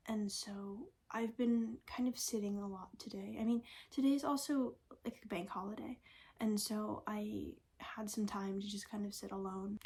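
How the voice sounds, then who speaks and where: A young woman talking in a casual, reflective vlog, soft-spoken and often slipping into a breathy half-whisper as she thinks aloud. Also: mid-range voice. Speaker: vlogger.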